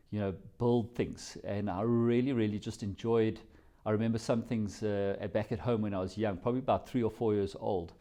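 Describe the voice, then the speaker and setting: A man's voice: fairly low pitch, dark tone. A South African man answering interview questions, telling his story in a reflective, rambling way. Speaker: company CEO, guest.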